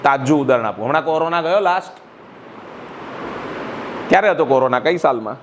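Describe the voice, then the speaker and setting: A man's voice: fairly high pitch, lively intonation, fairly quick, noisy background. A middle-aged man with a Gujarati accent, a school director giving a motivational speech to students and throwing questions at the room. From Gujarat, India. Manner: rhetorical, quizzes the audience. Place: school hall.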